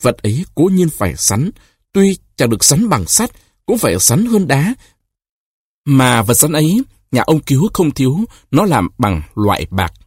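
A man narrating a short story in an expressive, deliberate reading. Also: medium pitch, husky, no room sound.

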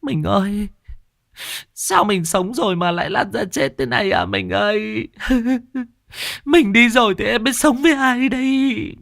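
A man doing a shrill wailing widow. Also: lively intonation, a little slow, gravelly, no room sound, studio quality. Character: sobbing village widow in her thirties. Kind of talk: audio ghost story narration.

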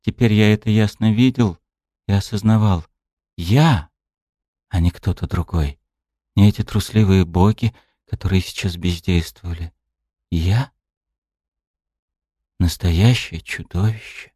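A man reads a dark fantasy audiobook in the first person, grim and brooding. His voice sits low. The recording is dry and close, with no room sound. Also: measured pace, long pauses, slightly rough, no echo. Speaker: audiobook narrator.

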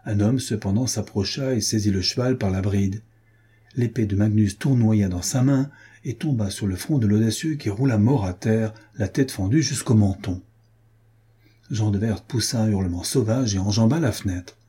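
A man reading a historical adventure novel aloud in a steady, measured narration. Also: fairly low pitch, slightly rough. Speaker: audiobook reader. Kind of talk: scripted narration.

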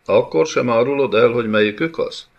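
A man voicing a cruel, impatient male bey who shouts threats during an interrogation, in an audiobook with a slightly dull recording. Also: medium pitch, vocal fry, pitched above the performer's own voice, close to an everyday voice. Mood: menacing, shouting.

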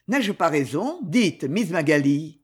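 A man's voice: on the high side, sing-song, slow, husky, exaggerated voice. A reader voicing a proud young male duke who earnestly pleads for a marriage, in an audiobook. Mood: pleading.

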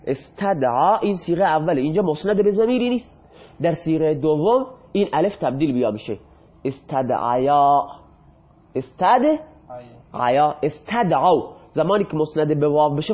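Lively high-voiced man drilling grammar. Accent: Iranian Persian. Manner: asks questions and answers them himself, drills verb forms. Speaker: Arabic grammar teacher. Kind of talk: classroom grammar lesson. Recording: dull lo-fi classroom recording.

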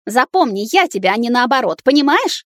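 A woman's voice: fairly high pitch, very animated, fairly quick, fairly bright tone, no echo, studio quality, voice pushed up. A woman voicing a spoiled young woman with a cloying, squealing way of speaking. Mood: spiteful. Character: sugary, shrill young fiancée, spoiled and spiteful.

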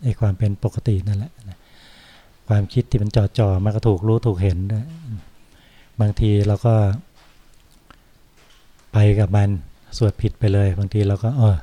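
An older male monk speaks slowly and reflectively, as if teaching a small gathering. His voice is low and very dark. His pitch stays level and even. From Thailand. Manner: unhurried, reflective, often ends phrases with a soft "na". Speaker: Buddhist monk giving a Dhamma talk. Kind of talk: informal Dhamma talk.

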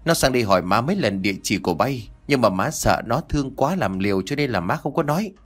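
A man's voice: mid-range voice, lively intonation, fast, fairly bright tone. A man voicing an anxious elderly country mother who rambles and stammers on the phone. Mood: anxious, chatty. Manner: rambling, stammering southern-rural speech.

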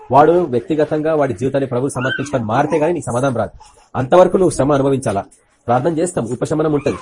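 A man preaching a Good Friday sermon, firing rhetorical questions at the congregation and swinging between loud bursts and quiet asides. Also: mid-range voice, slight background noise. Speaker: pastor.

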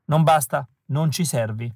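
A man's voice: a little high, measured pace, dry recording, studio quality. A man voicing a lazy, tattooed gatekeeper who chews gum and dismisses applicants, in an audiobook reading. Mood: bored. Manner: bored and dismissive.

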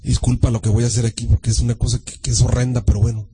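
A male pastor preaching a sermon, dramatic, swinging from shouts to a hushed voice and mimicking churchgoers. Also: medium pitch, little pitch movement, racing, a little hiss or hum, low-quality recording.

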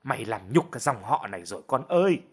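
A man voicing a sharp-tongued older village mother who berates her son in a shrill, rapid voice, in an audio story. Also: sing-song, breathy edge, heavily acted. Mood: scolding.

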